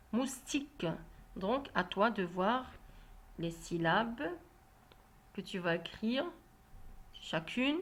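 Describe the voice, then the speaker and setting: A woman teaching a reading lesson to young children, saying each instruction clearly and repeating it. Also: medium pitch. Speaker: primary school teacher.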